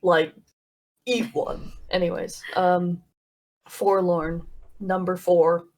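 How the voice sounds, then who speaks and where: A woman's voice: fairly low pitch, little pitch movement, takes it slowly. A woman chatting casually while playing a tabletop role-playing game, rambling with fillers and laughs.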